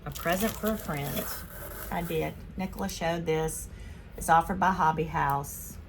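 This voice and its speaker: A woman from Spain hosts a casual haul vlog, chatting away as she unboxes her purchases one by one. Her voice sits a little low for a woman, with a faint hum of room noise behind her. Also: measured pace. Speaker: vlog host.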